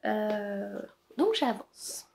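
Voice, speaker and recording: A woman's voice: medium pitch, big pitch swings, extremely slow, vocal fry, background noise. A woman chatting casually about her knitting to camera, hesitant with many fillers. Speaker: knitting podcaster. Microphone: camera-mounted shotgun mic.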